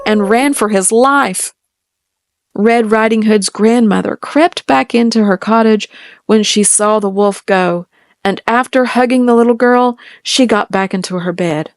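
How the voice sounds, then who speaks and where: A woman reading a fairy tale aloud in a gentle, measured storytelling manner. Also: mid-range voice, no room sound, studio quality. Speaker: storybook reader.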